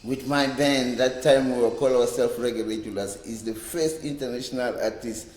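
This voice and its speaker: A South African reggae bass player in his fifties, from a Cape Town township, speaks with medium pitch, a darkish tone and fairly even intonation. His recollection is rambling and halting, with repeated words. The casual oral-history interview is set indoors in a library room with roomy, echoey sound.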